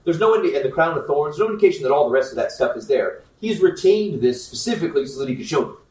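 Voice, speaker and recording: A man's voice: fairly high pitch, lively intonation, fast talker, darkish tone, far from the mic. A man giving a conversational Bible teaching to a group, informal and joking, often checking in with "okay?". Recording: echoey room, speaker away from the mic.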